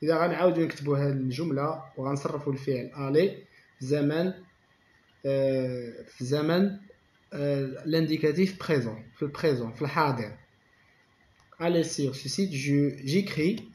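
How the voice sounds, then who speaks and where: A man's voice: fairly high pitch, a little mellow. Moroccan man teaching French grammar, echoey. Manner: slow dictation-like French, rapid Darija explanations. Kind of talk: bilingual grammar lesson. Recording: echoey room.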